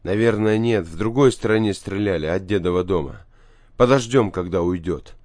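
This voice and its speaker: A bold, quick-thinking boy with a terse, commanding manner as a man reads him. His voice sits a little higher than the narrator's low tone, in a dry close recording. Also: a little mellow, no echo, natural voice. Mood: calm.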